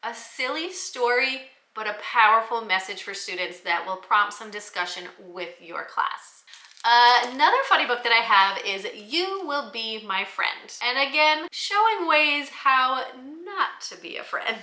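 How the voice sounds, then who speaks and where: In a roomy-sounding space, a female educator talks through classroom book recommendations in a casual, explanatory way. Her fairly high voice is animated and bright, with a pushed quality, and she takes her time.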